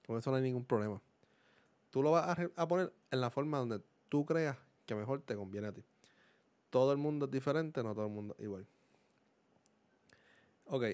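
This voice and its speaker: A man's voice: mid-range voice, warm tone. A man with a Puerto Rican accent, casually explaining microphone settings into a desk microphone at home, often asking if the listener follows and slipping in English words. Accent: Puerto Rican Spanish. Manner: explanatory, mixes in English words, keeps checking understanding. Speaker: gaming YouTuber reviewing a microphone. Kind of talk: casual tech demonstration. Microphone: desk condenser microphone.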